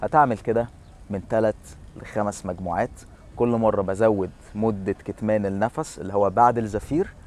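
Seated on a city seafront bench outdoors, a man in his thirties with an Egyptian Arabic accent presents a casual fitness explainer to camera via a lapel mic. His voice sits on the low side, steady and a little mellow, and he talks a little fast.

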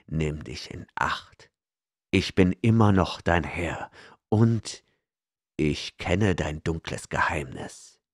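A man's voice: extremely low pitch, animated, slow pace, no room sound, clean studio sound, exaggerated voice. A man voicing a scheming, arrogant male outlaw noble in an audiobook, cold and domineering. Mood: threatening. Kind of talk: audiobook character reading.

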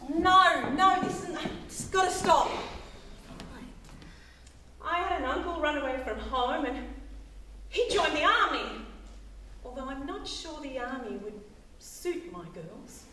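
A woman's voice: high voice, expressive, measured pace, pauses often, bright, forceful tone, reverberant, distant mic, slight background noise, full character voice. A woman playing a fretful mum. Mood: exasperated. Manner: exasperated, laughing. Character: fretful mother reading her daughters' note.

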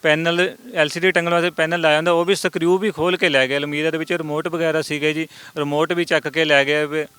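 A man's voice: a little high, little pitch movement, fast talker, hardly any pauses, fairly bright tone, clean tone, no echo. A man politely telling a reporter, item by item, what was taken from his home. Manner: polite, listing items one by one. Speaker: homeowner, theft victim. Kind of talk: interview.

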